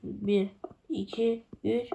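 A young woman casually chatting to viewers as she builds in a game, often counting blocks quietly under her breath. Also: medium pitch, little pitch movement, drawn-out words, gravelly, slight background noise. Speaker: gaming video creator.

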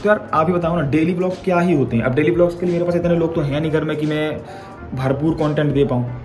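A man's voice: on the high side, fairly even intonation, fast talker, a little mellow, soft background music. A young man chatting casually into a phone held at arm's length, rambling straight to his viewers in a daily vlog. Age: young adult. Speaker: vlogger. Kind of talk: casual vlog chat to camera. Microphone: phone camera held at arm's length.

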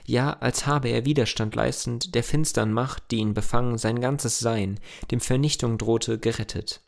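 A man's voice: medium pitch, steady tone, moderate pace, vocal fry. A man reading a classic German novella aloud as an audiobook, in a plain manner with the odd slip and restart. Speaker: audiobook reader.

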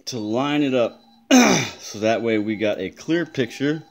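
A man walks through a show-and-tell of his watch, pointing out each detail at an unhurried pace. His voice sits at an ordinary pitch. The room adds a noticeable echo around him. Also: animated. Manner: slow, deliberate, pointing things out, occasional frustrated mutters. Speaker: customer showing watch damage. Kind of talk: casual show-and-tell demonstration. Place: indoors at a desk in a room.

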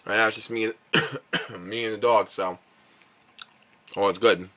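A man's voice: lowish voice, steady tone, moderate pace, fairly bright tone. A man vlogging at home, tasting and reviewing candy in a rambling, casual way, full of fillers, sometimes talking while chewing. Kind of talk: casual chat. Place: at home with his dog.

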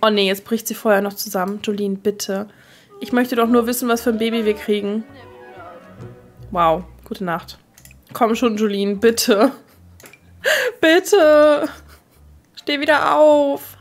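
A woman hosting a let's play, chatting casually and excitably as she talks to her game characters and her viewers. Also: mid-range voice, normal speed, faint music behind. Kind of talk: casual gameplay commentary.

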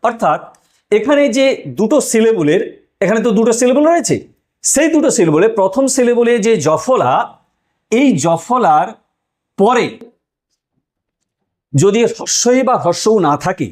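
A man teaching a language lesson, explaining examples patiently, asking himself questions and repeating each point slowly. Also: sits high, animated, darkish tone. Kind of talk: explanatory lecture.

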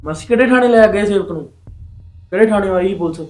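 A man's voice: sits high, quick pace, soft background music, lightly acted. A man playing a son-in-law in a family drama, insistent and reassuring, repeating himself as he talks. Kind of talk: Punjabi family web drama acting.

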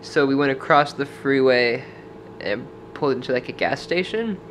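A young man from Washington state, vlogging a trip with voice-over, talks at normal speed in a medium-pitched, fairly bright voice. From a dim motel room, camera held out at arm's length, he tells a loose story littered with "like." Slight background noise is present.

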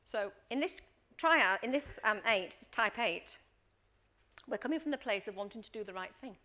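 Her voice sits fairly high and keeps a moderate pace. The speaker, a middle-aged leadership coach leading a workshop, is an animated storyteller who performs scenes from her anecdotes and regularly checks in with an "Okay?"

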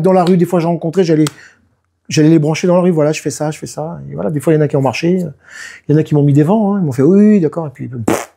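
This guest, a male musician and producer in his fifties, chats in a relaxed interview with lively storytelling, frequently performing other people's words. His voice is a little high with a breathy edge.

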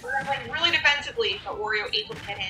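Giggly high-voiced woman commentator. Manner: giggly, teasing, halting phrasing. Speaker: esports co-commentator. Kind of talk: casual commentary banter.

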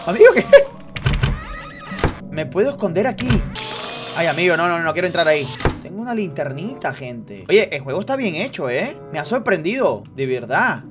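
A young man giving excited gameplay commentary, shouting when startled. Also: fairly high pitch, fairly quick. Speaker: gamer streamer. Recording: voice over game music.

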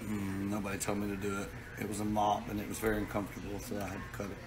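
A man's voice: on the low side, monotone, racing, crowd noise. Indignant, profane man at home. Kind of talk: casual couple argument skit. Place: indoor home.

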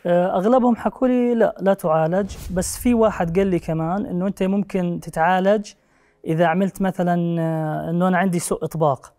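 A man's voice: sits high, fairly even intonation, quick pace, a little mellow. A young man with a Levantine Arabic accent and a speech impediment on the r sound, answering as an interview guest. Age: young adult. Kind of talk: personal interview. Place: TV studio. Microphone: lapel.

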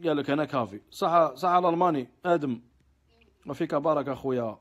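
Hosting a casual live Q&A stream, a man with a fairly high voice and an Algerian Arabic accent talks briskly and mixes in French words. His answers are offhand, though he gets heated when he vents.

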